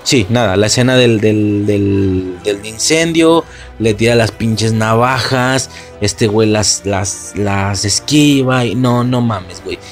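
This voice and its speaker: A young adult man with a Mexican accent hosts a podcast and recaps a film in a casual, excitable monologue full of slang and swearing. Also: fairly low pitch, slow, soft background music. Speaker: podcast host.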